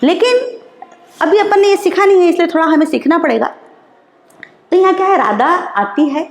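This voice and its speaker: A woman teacher, explaining slowly and repeating each example in an online class lesson. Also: very high-pitched. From India. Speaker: school teacher. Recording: roomy echo.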